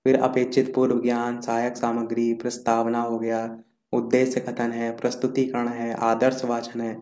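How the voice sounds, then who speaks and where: Man giving a steady revision lesson. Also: mid-range voice, moderate pace. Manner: steady explanatory listing of points. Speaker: teacher. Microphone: screen-recorded voice-over. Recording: echoey room.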